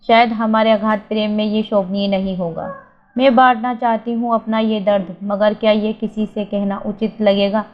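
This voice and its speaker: A woman's voice: mid-range voice, lightly acted. A woman voicing a grieving young wife who confides her sorrow in a letter. The recording is slightly dull and lo-fi.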